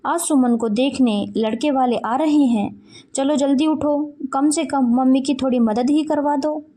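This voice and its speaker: A woman's voice: sits high, a little slow, warm tone. A woman voicing an angry young husband who scolds his lazy wife in a storybook tale. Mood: scolding. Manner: scolding, insistent.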